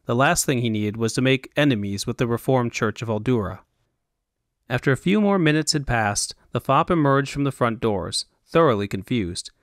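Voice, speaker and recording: A man narrates his own fantasy audiobook in a steady, even manner. His voice sits at an average pitch, recorded dry and close. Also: normal speed, no echo. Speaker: narrator and author.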